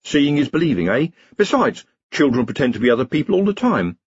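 A male narrator voicing a nervous, wry male wizard in an audiobook, talking in a chatty, evasive way with a husky voice. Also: a little high, big pitch swings, a little fast, dry recording, pitched above the performer's own voice, exaggerated voice. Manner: chatty, evasive and wryly anxious. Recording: slightly dull, muffled recording.

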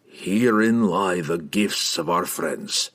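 A man voicing a gruff, stern dwarf in an audiobook, grumbling and sarcastic, with old-fashioned dialect speech. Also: deep voice, slow pace, fairly bright tone, full character voice. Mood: solemn. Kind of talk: audiobook character voice.

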